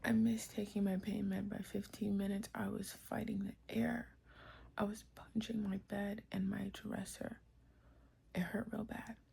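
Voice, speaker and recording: A woman with a thick, muffled voice from a sore, swollen throat, often breathy and close to a whisper, talking haltingly and casually as in a personal video diary. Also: mid-range voice, level tone, warm tone. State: sore swollen throat after tonsil surgery, effortful and tired. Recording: clear background noise.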